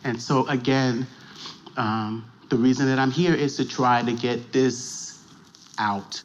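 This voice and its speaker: Man, documentary interview, halting and soft, many fillers, faint background hiss. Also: medium pitch, steady tone, lo-fi sound. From New York. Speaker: abuse survivor telling his story. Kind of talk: documentary interview and poem reading.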